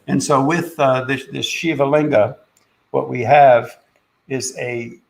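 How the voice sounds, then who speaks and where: A man hosting a podcast, speaking in a halting, casual way about spiritual ideas, with many fillers and restarts. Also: medium pitch, fairly even intonation, vocal fry, low-quality recording. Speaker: podcast host and spiritual teacher.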